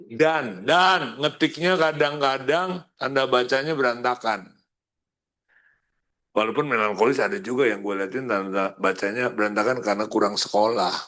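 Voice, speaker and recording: A man's voice: medium pitch, moderate pace, bright, forceful tone. A man coaching a sales team, casual and slangy, acting out short example greetings. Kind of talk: coaching session.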